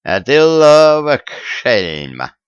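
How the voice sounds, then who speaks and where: A man voicing a stern, quick-tempered old-time tsar who talks gruffly and bossily. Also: mid-range voice, wildly swooping pitch, dry recording, dull audio, voice pushed up, full character voice. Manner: gruff, bossy, mocking.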